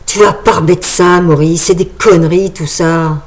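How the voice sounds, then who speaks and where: A woman's voice: lowish voice, fairly even intonation, moderate pace, natural voice, poor audio. Woman voicing blunt old friend Joseph. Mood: scolding. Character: old man Joseph, loyal, worried friend.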